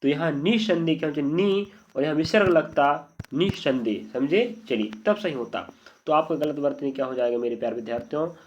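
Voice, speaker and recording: A man's voice: fairly high pitch, lively intonation, fairly quick, darkish tone, a little hiss or hum. A man teaching an exam-prep spelling lesson, checking often that his students follow. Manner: repeated checking questions to students. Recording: dull lo-fi audio.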